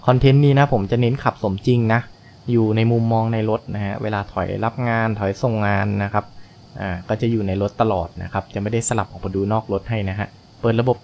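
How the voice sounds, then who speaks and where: With game engine noise in the background, a young gaming channel host talks through a truck driving game in a lowish, slightly mellow voice. His tone stays steady and his pace fairly quick as he thinks aloud, chatty and polite.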